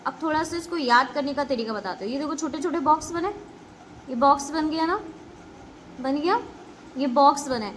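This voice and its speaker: A woman's voice: high-pitched, moderate pace, pauses often, a little hiss or hum. A woman teaching a basic computer lesson to schoolchildren, repeating points and often checking that they follow. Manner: repetitive, keeps checking understanding with "ok"; addresses pupils directly with instructions. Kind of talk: classroom lesson explaining basics to children.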